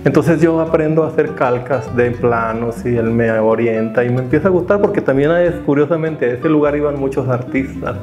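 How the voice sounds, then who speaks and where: A man's voice: medium pitch, normal speed, hardly any pauses, a little mellow. A man in his fifties from Mexico, reflectively telling the story of his life as an artist and teacher. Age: 50s. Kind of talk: personal testimony interview. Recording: roomy, slightly dull sound with guitar music behind.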